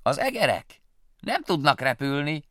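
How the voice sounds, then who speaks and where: Guy doing a smug teasing storybook bat, raised bright voice, dry sound. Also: a little high, very animated, dry recording, pitched above the performer's own voice. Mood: mocking. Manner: teasing, laughing, slangy. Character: cocky, mocking male bat.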